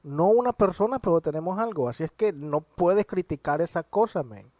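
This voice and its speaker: A man chats on a podcast, eagerly retelling scenes and pushing his point. His voice sits a bit high, and it is recorded close and dry. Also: normal speed, dry recording. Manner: animated storytelling, argumentative. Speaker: podcast co-host. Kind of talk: casual chat.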